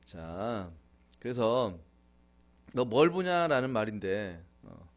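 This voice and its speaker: This live-stream host has a lowish, very animated voice and speaks slowly. He chats casually through his internet broadcast, laughing and thanking his viewers.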